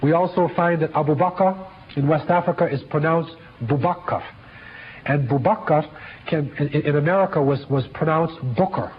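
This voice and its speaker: A man giving a history lecture in a measured, halting way, with many fillers and restarts. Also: a little high, steady tone, husky. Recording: dull lo-fi lecture recording with faint hiss.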